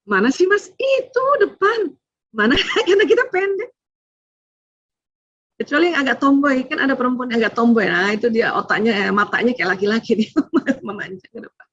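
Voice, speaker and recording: A middle-aged woman doctor giving a lively talk to mothers, laughing often and acting out family dialogues. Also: a little high, fairly quick, dry recording, dull audio. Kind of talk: lively religious lecture.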